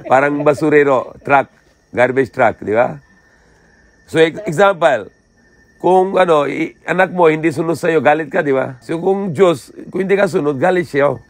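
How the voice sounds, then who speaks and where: A man's voice: fairly high pitch, moderate pace. Man preaching with constant rhetorical questions. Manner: simple broken phrasing, constant "di ba?" checks; rhetorical questions answered himself. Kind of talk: religious lecture.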